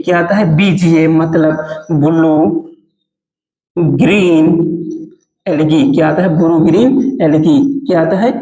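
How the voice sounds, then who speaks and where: Man teaching, high voice, asks and repeats answers over and over, echoey room. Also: darkish tone. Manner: asks a question, then repeats the answer again and again. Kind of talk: biology lesson in Hindi.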